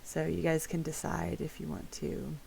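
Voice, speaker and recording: A woman's voice: low-pitched, little pitch movement, moderate pace, vocal fry, mellow, slight background noise, low-quality recording. A woman narrating as game master in a casual, giggly way, with lots of fillers.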